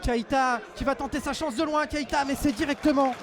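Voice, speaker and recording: A man giving excited live football commentary, shouting and stretching words at the big moments. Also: very high voice, brisk. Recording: outdoor stadium crowd, music behind voice. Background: loud crowd and music.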